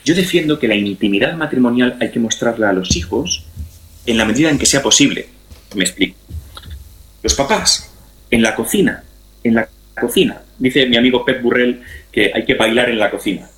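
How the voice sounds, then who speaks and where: A middle-aged Spanish man with a medium-pitched, slightly bright voice speaks at a moderate pace in an animated way. He is a guest speaker on family and sex education, explaining things conversationally in an interview and repeating phrases didactically for emphasis. The room is echoey, giving the recording a roomy sound.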